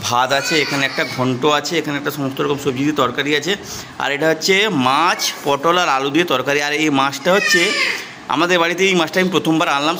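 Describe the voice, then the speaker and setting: A man's voice: on the high side, noisy background. A young man with a West Bengal accent, chatting to viewers at home and coaxing his toddler in a sing-song voice. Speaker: family vlogger, father. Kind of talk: casual home vlog narration. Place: at home indoors.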